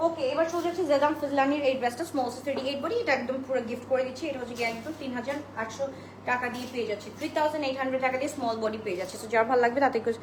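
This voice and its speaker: High, fast-talking woman selling dresses live. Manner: chatty, greets viewers by name, mixes in English phrases. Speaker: online boutique seller hosting a live sale. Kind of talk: live-stream sales pitch. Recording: roomy echo with steady background noise.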